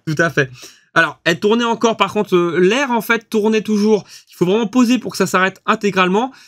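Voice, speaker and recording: A chatty man with a fairly high voice walks through a new tool in a relaxed review. He laughs easily and fills his sentences with hesitations. The sound is dry and close. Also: brisk, no room sound. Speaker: host testing equipment. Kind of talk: casual product review.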